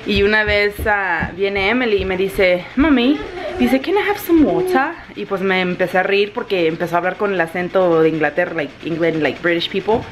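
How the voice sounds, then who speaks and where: A woman's voice: on the low side, a little fast, hardly any pauses. Chatty woman. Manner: chatty, expressive, switches freely between Spanish and English. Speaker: vlogger. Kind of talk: casual home vlog. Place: home, kitchen and laundry area. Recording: noisy home recording.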